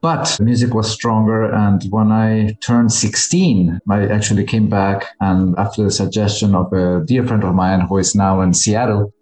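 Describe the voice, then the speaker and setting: Low-voiced Argentine man in a roomy space. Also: flat delivery, normal speed, few pauses, darkish tone. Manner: thoughtful, storytelling with many fillers. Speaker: guest musician. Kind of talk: interview conversation.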